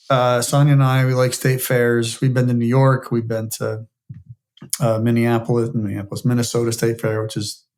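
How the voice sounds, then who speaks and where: A man's voice: mid-range voice, darkish tone. Easygoing American man hosting a podcast. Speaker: podcast co-host. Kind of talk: casual podcast chat. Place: studio.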